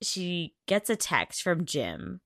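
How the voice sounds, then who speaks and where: A woman's voice: fairly low pitch, slow, no echo, clean studio sound. A woman co-hosting a podcast, recapping episodes in casual chat with giggles and teasing remarks. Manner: giggly, teasing, excited outbursts. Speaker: podcast co-host.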